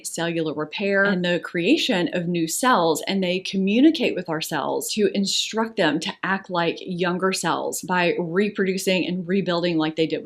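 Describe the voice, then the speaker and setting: A middle-aged woman narrating a beauty vlog, walking through her skincare routine in a polished, friendly way. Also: mid-range voice. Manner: polished, friendly product explainer. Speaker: beauty vlogger.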